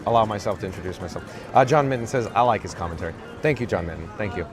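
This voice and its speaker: This is casual livestream chatter from a man with a rasp, out on a parade route with a handheld camera rig that serves as the mic. He reads viewer comments in a flat, self-mocking drone, his voice lowish and very fast. Music and a crowd sound behind him.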